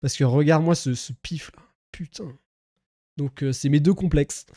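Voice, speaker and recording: A man's voice: a little high, moderate pace, warm tone, no echo, studio quality. Man rambling casually on a live stream. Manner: rambling, filler-heavy, laughs at himself, swears often.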